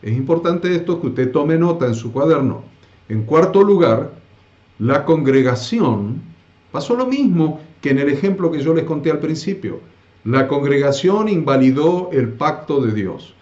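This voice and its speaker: A man's voice: fairly high pitch, animated, unhurried, a little mellow. Emphatic man teaching Bible class. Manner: emphatic, repeats key phrases, asks rhetorical questions. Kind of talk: live Bible class lecture. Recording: roomy, dull lo-fi classroom sound.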